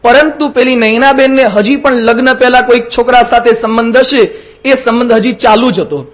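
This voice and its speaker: High-voiced monk preaching. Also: male voice, moderate pace. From Gujarat, India. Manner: lively storyteller acting out dialogue. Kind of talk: sermon storytelling.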